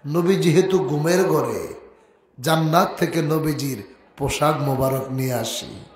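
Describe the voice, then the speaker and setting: A man's voice: on the high side, measured pace, echoey room, a loud crowd, lightly acted. A man voicing an earnest male archangel messenger who calls out and questions sharply.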